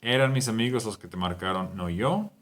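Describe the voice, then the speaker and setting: Patient male teacher, low voice. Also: fast, a bit bright. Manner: clear, patient explaining with frequent "okay?" and "right?" checks. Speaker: English teacher. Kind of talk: online grammar lesson for Spanish speakers.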